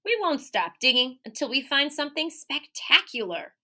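High and sing-song at a normal speed, with a sharp tone, a woman in her thirties reads a children's picture book aloud. An elementary teacher, she stresses key words, adds asides and quizzes her young audience, all in a small room next to a window.

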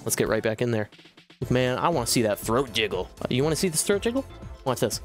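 Profane, lively male game streamer. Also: mid-range voice, quick pace, soft background music. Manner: profane, excitable, bursts into yelps and laughs. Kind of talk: live gaming stream commentary.

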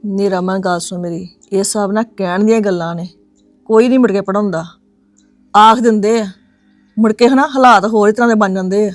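A woman's voice: medium pitch, steady tone, a little fast, no room sound, faint music behind, lightly acted. An actress playing a wary woman who keeps urging caution and advising that things be checked properly, in a domestic drama. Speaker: actress in a web series.

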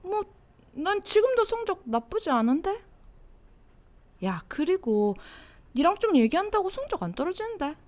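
A woman playing a teasing high-school girl friend, whispered role-play. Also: big pitch swings, normal speed, long pauses. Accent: Gyeongsang Korean dialect. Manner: teasing, blunt, soft whispery delivery. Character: cocky teenage girl classmate, teasing and clingy. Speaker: voice actor.

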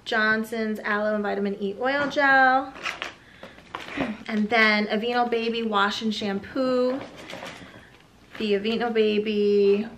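In a relaxed product haul vlog, a pregnant young woman goes over baby items she's bought, a bit breathless and peppering her talk with fillers and asides. She speaks in a mid-range, fairly bright voice, with slight background noise.

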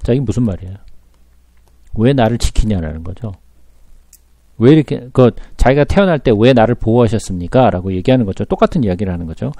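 A man reading scripture slowly and then explaining it, checking in with listeners through rhetorical questions. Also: fairly low pitch, animated, mellow, no echo. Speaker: Bible teacher.

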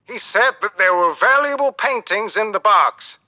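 A man's voice: high-pitched, expressive, normal speed, sharp tone, pitched above the performer's own voice, exaggerated voice. A man voicing a commanding, grave ship captain with an emphatic delivery in an audiobook story. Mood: grave, explaining. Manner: emphatic, short urgent orders. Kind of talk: audiobook character dialogue.

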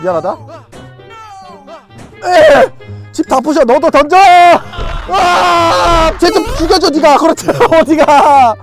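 A VR game YouTuber giving excited gameplay commentary, loud and playful, yelling at the characters in the game. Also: very high-pitched, slow pace, pauses often, over music.

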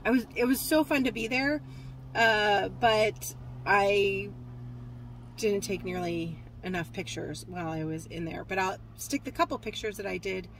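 A woman's voice: medium pitch, measured pace, gravelly, poor audio. A woman in her forties chatting casually to a phone camera from a parked car, rambling with lots of fillers and restarts. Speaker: cross-stitch vlogger. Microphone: phone camera at arm's length.

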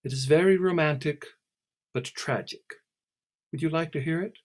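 A man's voice: fairly high pitch, normal speed, a little mellow, pitched above the performer's own voice, close to an everyday voice. A man doing a bossy, contrary mermaid girl. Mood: haughty.

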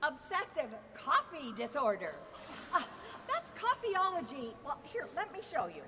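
A woman from a chorus playing a bubbly young coffee expert in a stage comedy skit, excitable and exclaiming. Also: high voice, a little slow, background noise, heavily acted. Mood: excited. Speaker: skit performer in a women's chorus. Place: large auditorium stage. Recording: echoing hall, live stage.

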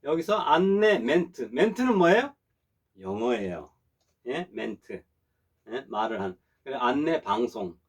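A man's voice: medium pitch, very animated, breathy edge. Patient middle-aged male Korean teacher. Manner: patient, repeats and checks understanding, models phrases slowly. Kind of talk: classroom lesson.

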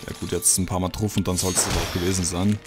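A man's voice: sits low, level tone, fast, music in the background. A man giving casual gameplay commentary, thinking aloud and muttering his reactions as he plays. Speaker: let's play gamer.

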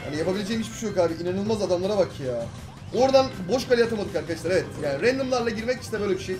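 A young man in his twenties giving excitable, slangy commentary over his own gameplay, swinging between calm asides and frustrated outbursts. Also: sits high, very fast, over music. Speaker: gaming YouTuber.

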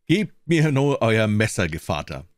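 A fearless, cheeky old soldier out of a fairy tale, played by a male reader. He talks back with brash, mocking confidence, his low voice pushed a little higher for the part. Dry, close recording. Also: very animated, takes it slowly, no echo. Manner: brash, mocking, self-assured. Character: bold, cheeky discharged soldier, fearless and sly.

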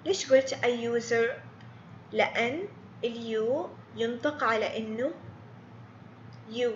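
A woman's voice: a little high, normal speed, echoey room, muffled recording, slight background noise. A woman teaching a beginner English grammar lesson online, patiently repeating words and quizzing students by name.

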